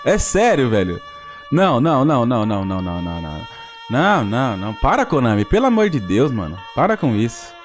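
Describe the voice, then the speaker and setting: A young man with a Brazilian accent giving excited commentary on a mobile football game, groaning and laughing at his bad luck. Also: mid-range voice, brisk, faint music behind. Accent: Brazilian Portuguese.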